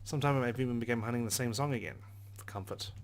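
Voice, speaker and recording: Game music sits behind a man's gravelly, medium-pitched voice as he rapidly reads a visual novel aloud. He's a let's play host, narrating with expression and dropping in casual asides.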